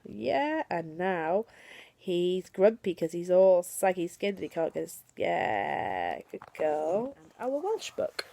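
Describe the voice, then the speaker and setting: A young woman, a mother, reads picture books aloud to her little daughter, coaxing her gently between pages. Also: on the low side, slow pace, gravelly. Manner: animated storytelling voice, coaxing and gentle with her child.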